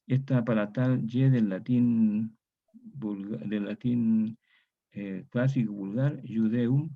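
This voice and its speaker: A man with a Latin American Spanish accent giving a university lecture, methodical, slowly repeating example words and checking in with his students. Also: lowish voice, fairly even intonation, creaky. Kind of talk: university lecture on historical grammar. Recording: dull lo-fi recording.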